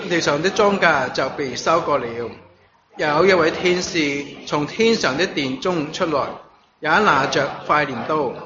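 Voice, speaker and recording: A man preaching a sermon, reading scripture in a measured way and using halting fillers when he speaks freely, at a church service that is also streamed online. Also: on the high side. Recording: dull lo-fi recording with congregation noise.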